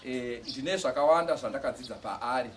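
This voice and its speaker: A man giving a church testimony, speaking haltingly and with feeling, often restarting words. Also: mid-range voice. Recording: distant mic with faint outdoor noise.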